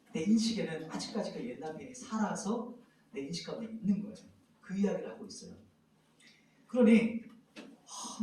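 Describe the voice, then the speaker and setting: Animated pastor preaching in an echoey hall. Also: male voice, sits high, recorded from a distance, slight background noise. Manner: animated, acts out cries and sighs of lament. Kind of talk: sermon.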